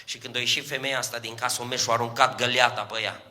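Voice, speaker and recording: A man preaching an evangelistic sermon, telling stories and acting out dialogue, rising to loud drawn-out peaks and speaking directly to the congregation in a church. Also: medium pitch, steady tone. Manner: storytelling that climbs to shouted, drawn-out peaks; acts out quoted dialogue, addresses the congregation directly.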